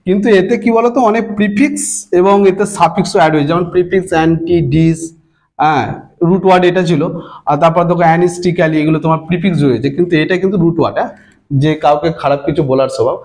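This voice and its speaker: A man's voice: on the high side, darkish tone. A man with a Bengali accent teaching English grammar to students, explaining patiently, repeating himself and spelling words out letter by letter. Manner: stretches long words out slowly, syllable by syllable.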